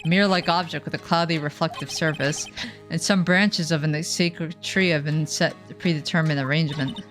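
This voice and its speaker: A woman's voice: low voice, steady tone, normal speed. A woman streamer reading game text aloud with wry, chatty asides, faint game music behind.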